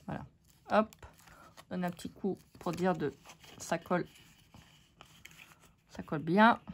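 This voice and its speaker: A woman's voice: lowish voice, slow pace, slight background noise. A woman hosting a casual card-making tutorial, joking and teasing her viewers as she works.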